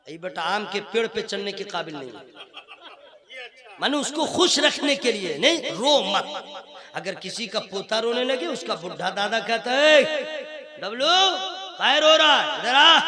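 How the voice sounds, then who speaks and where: A man with a strikingly high-pitched voice delivers a religious speech at a conference, his fervent, rhythmic preaching giving way to relaxed, joking asides. The live crowd can be heard behind him throughout. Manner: alternates impassioned rhythmic oratory with chatty, joking asides to the crowd. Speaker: Islamic preacher. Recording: live event with audible crowd. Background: audience murmur and laughter.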